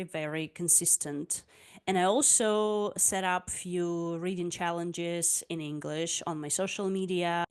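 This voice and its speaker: A native Russian speaker who tutors English online talks casually to camera in a low, clean voice. She's chatty and personal, often filling her speech with "like" and "uh."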